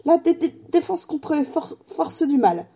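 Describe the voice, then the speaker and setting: A woman's voice: sits high, sing-song, unhurried, warm tone, voice pushed up, full character voice. A woman doing a stammering, jittery young professor. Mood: nervous, stammering. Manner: stutters on nearly every word.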